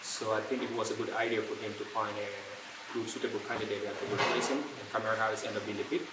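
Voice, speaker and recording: A young man from Gambia, an entrepreneur answering interview questions in a fast, casual flow full of "uh" fillers and restarts. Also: fairly low pitch. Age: young adult. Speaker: guest, entrepreneur. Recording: roomy, distant, loud ambient noise.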